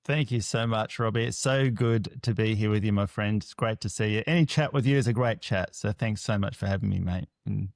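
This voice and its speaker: A man's voice: fairly low pitch, fairly quick, creaky, few pauses, no echo, clean studio sound. An Australian man in his fifties, a pastor telling his story as a guest in a friendly, easygoing way. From Western Australia. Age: 50s. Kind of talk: casual interview chat.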